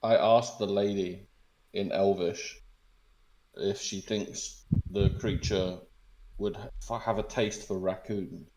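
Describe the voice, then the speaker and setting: Slow, low-voiced man player. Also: fairly even intonation, a crowd in the background, poor audio. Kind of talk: tabletop role-play.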